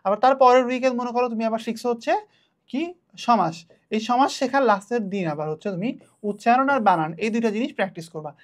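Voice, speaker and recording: A man's voice: very high voice, fast. A young man from Bangladesh, giving an online exam revision lesson as a tutor, chatty and addressing the students directly, repeating his points.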